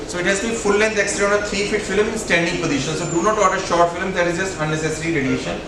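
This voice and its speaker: A man's voice: high-pitched, fast talker, distant mic, background noise. A man in his forties with an Indian accent, presenting as a surgeon at a medical conference. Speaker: spine surgeon giving a lecture. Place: hotel banquet room, indoors. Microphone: handheld microphone, heard through distant camera. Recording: echoey room from afar, audience murmur.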